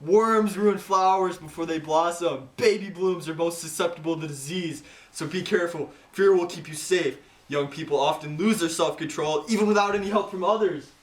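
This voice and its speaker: Solemn, protective brother, acted by a man, very high for a male, echoey room. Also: normal speed, few pauses, close to an everyday voice. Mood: cautioning. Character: preachy, protective young brother. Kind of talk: amateur parody stage acting.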